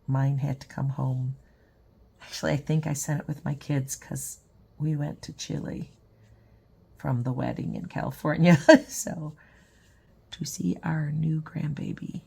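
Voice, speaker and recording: An older woman with a hoarse, raspy voice, casually chatting as she demonstrates a painting lesson. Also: sits low, fairly even intonation, a little slow, pauses often, darkish tone. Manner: chatty, rambling, with fillers. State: hoarse, lost voice. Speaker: art teacher and channel host.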